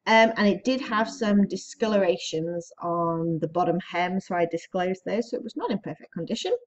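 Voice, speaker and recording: A woman's voice: lowish voice, lively intonation, normal speed, dull audio. Chatty upbeat woman vlogger, slightly breathless. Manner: chatty, upbeat, frequent ums and little laughs. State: pregnant and a bit out of breath. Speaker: online reseller vlogger. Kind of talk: casual vlog talk to camera.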